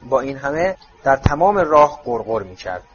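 A man narrates a story in a steady audiobook reading, his voice pitched mid-range. The recording is dull and lo-fi. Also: noisy background. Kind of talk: scripted narration.

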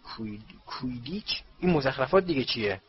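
A man doing a stout grumpy middle-aged uncle from a storybook, gruff and bullying, barking short scolding lines, slightly dull recording with a faint hiss. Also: medium pitch, animated, lightly acted. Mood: scornful.

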